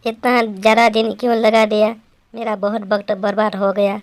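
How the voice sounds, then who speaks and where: A woman voicing a greedy, scheming woman in an animated story, muttering and exclaiming to herself. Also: mid-range voice, normal speed, no echo, close to an everyday voice. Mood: impatient.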